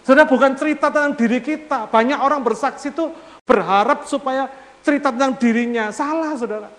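A man's voice: extremely high pitch, brisk, fairly bright tone. A man preaching a sermon, often putting rhetorical questions to the congregation and mixing formal speech with casual slang. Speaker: pastor. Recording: long hall reverb.

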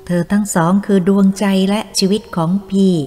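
A woman's voice: medium pitch, little pitch movement, moderate pace, darkish tone, natural voice. A woman voicing a devoted young village man who speaks solemn, earnest vows, read in a Thai audiobook. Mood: tender. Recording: long reverb, faint music.

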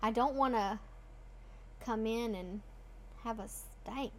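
An earnest woman co-hosts a casual faith chat, explaining her points with a teaching tone. Her voice sits a little high. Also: a little mellow, a little hiss or hum. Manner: earnest, teaching tone with quick asides. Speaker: co-host.

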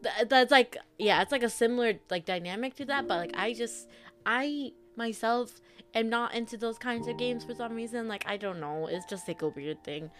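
A woman's voice: on the high side, moderate pace, music in the background. Giggly young woman, casual gaming chat. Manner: giggly, loose and chatty, swears casually.

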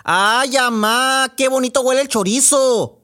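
A man voicing a little girl, shouting and pleading for chorizo in her sleep. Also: unhurried, heavily acted. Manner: shrill, pleading yells.

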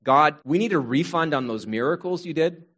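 A man's voice: fairly high pitch, expressive, normal speed, fairly bright tone. A man voicing a crowd of ancient Israelites in a mocking, whining tone as they complain about their food. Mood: petulant.

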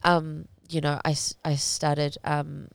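A young woman talks through a candid interview in a fairly low voice with noticeable vocal fry. She speaks haltingly, reflecting as she goes and often pausing to find the right words. The sound is close and dry. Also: little pitch movement, no room sound. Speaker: interview guest, fighter.

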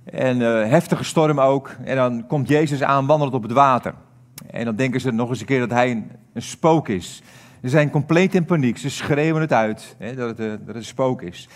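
A man's voice: mid-range voice, moderate pace. A man giving a sermon as a pastor, talking earnestly with frequent hesitations and fillers.

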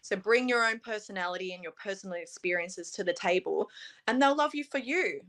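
Brisk and expressive, this young Australian pageant titleholder speaks in a mid-range, fairly bright voice. She's a guest in a relaxed interview, chatting earnestly with plenty of "um" and "you know."

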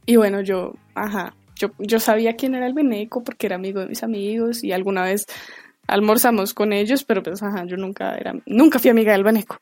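A woman in her twenties with a Colombian accent, hosting a casual storytelling podcast in a chatty, slangy way and acting out quotes in a higher voice. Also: brisk, darkish tone, no room sound, faint music behind. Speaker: podcast host.

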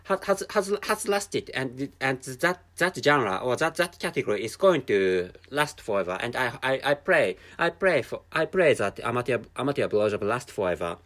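Recording at home with a canned drink in hand, a Japanese man with a Japanese accent, Japanese being his native language, talks alone on his podcast in a casual monologue. His mid-range voice is sing-song and fairly bright, and he often halts, restarts, and repeats words as he hunts for them.

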